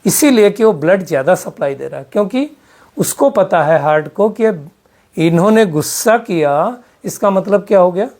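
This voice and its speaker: A man's voice: high-pitched, expressive, normal speed, darkish tone. A man giving a spiritual health talk to a live audience, asking them question after question and mixing English terms into his speech. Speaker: spiritual teacher.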